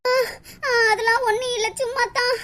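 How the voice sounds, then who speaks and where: A woman voicing Vasuki, a shy, tearful young village girl in a cartoon, who speaks in a hesitant, halting way with a southern Tamil Nadu rural dialect. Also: very high-pitched, steady tone.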